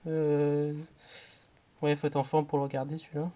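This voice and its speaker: A man giving casual running commentary, rattling off titles with quick offhand remarks as he shows his collection. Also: fairly high pitch, completely flat delivery, mellow, highs cut off. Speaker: vlogger showing his DVD collection.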